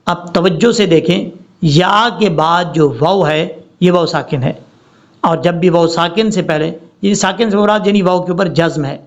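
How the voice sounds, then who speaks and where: A man teaching a recitation lesson step by step, stretching out each word slowly to show the correct pronunciation. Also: sits high, lo-fi sound. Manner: slow drawn-out demonstration of each word. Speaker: religious teacher.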